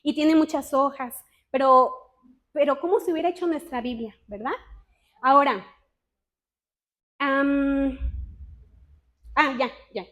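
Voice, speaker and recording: A woman with a high voice leads a casual Bible teaching for a women's group. She talks in a chatty, self-mocking way and keeps asking her listeners questions. When she reads scripture she slows down and weighs each word. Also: fairly bright tone. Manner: reads scripture slowly and deliberately. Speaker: women's ministry speaker.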